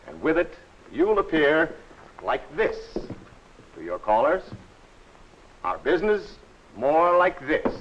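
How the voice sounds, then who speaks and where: A man narrating a 1940s instructional film in a friendly, instructive and measured way. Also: fairly high pitch, very animated, a little hiss or hum. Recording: dull old film soundtrack.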